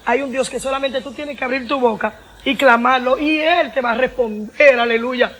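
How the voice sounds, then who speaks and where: A woman's voice: high voice, moderate pace, a bit bright. A woman, giving an emotional personal testimony, earnest, repeating phrases and acting out the voices in her story.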